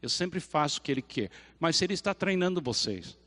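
High, bright-voiced animated preacher. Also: male voice, brisk, in a large hall. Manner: animated storytelling, acting out scenes. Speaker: pastor. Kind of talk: lively sermon.

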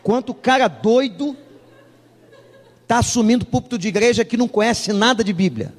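Pastor guy telling a funny story in his sermon, voice up high, big echoey church hall. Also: normal speed. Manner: humorous anecdotal preaching, acts out dialogue.

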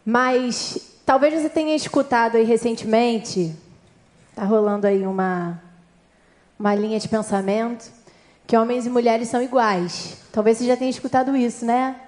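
A woman's voice: on the high side, steady tone, normal speed, a little mellow. A woman with a Brazilian accent preaching a sermon, talking directly and friendly to her audience. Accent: Brazilian Portuguese. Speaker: church speaker.

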